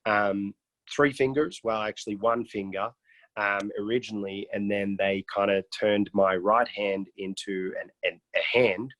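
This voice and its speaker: A man's voice: lowish voice, steady tone, a little slow, fairly bright tone, a little hiss or hum. A man from Iraq, a guest on a mentoring video call, telling his life story casually with a joking streak and many restarts. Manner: joking, with frequent restarts and fillers.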